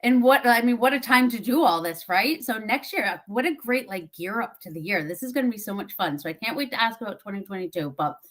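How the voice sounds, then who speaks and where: A woman with a Massachusetts accent hosting a casual video interview, upbeat and quick to affirm. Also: a little high, animated, a bit bright. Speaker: interviewer, host.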